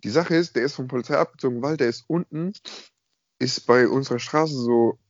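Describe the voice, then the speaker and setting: Speaking from home on an internet call, a young man co-hosting a podcast tells a story with slangy emphasis and plenty of filler address words. His mid-range voice is brisk, and the audio is dry, slightly muffled and echo-free.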